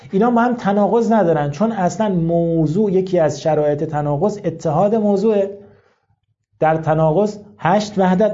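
A male cleric teaches seminary students in an informal lecture, talking candidly and working through ideas with rhetorical questions. His voice sits fairly high yet sounds very dark and mellow. The recording is dull and lo-fi.

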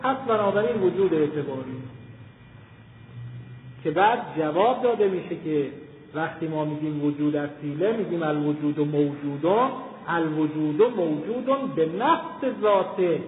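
Male lecturer, high voice, measured classroom delivery that leans on key terms; tinny, roomy recording. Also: a little hiss or hum. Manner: deliberate, slows and stresses key terms. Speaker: teacher of Islamic philosophy. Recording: tinny, echoey hall recording.

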